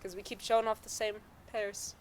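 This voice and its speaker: A woman's voice: medium pitch, little pitch movement, normal speed, slight background noise. A teenage girl co-hosting a casual chat, bantering and giggling. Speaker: co-host.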